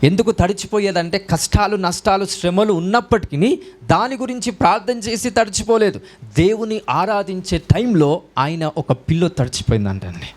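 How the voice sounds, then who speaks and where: A man preaching a sermon as a pastor, breaking into raised shouts of hallelujah. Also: high-pitched, moderate pace, slight background noise. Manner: preaching in Telugu mixed with English, with rising shouts of hallelujah.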